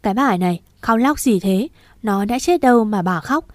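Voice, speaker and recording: A woman voicing a calm, gruff older father who curtly scolds his wife. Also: medium pitch, moderate pace, no room sound, natural voice. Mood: scolding. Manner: curt, scolding.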